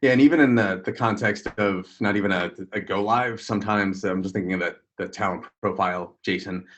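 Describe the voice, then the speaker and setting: A man co-hosting a live webinar discussion, explaining ideas in a measured, thoughtful way. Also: fairly low pitch, fairly even intonation, muffled recording. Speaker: webinar co-host.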